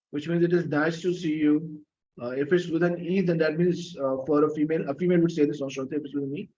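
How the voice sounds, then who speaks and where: A man's voice: fairly high pitch, slightly rough, dull audio. A man teaching an online French class, patiently coaxing students for answers, with many fillers and coughs. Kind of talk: live online class lecture.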